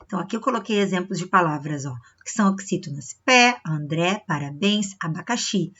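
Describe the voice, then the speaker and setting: A woman's voice: lowish voice, animated, a little fast, fairly bright tone, breathy edge, muffled recording. A woman teacher from Brazil, giving a recorded review lesson to children, explaining step by step and often checking in with short questions. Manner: stretches words to show the stressed syllable.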